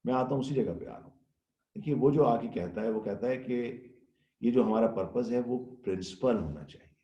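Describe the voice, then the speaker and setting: A man giving a Ramadan sermon in a lively storytelling manner, acting out the voices he quotes. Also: mid-range voice, highs cut off. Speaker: Islamic scholar giving a Ramadan lecture. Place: Ireland. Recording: echoey room.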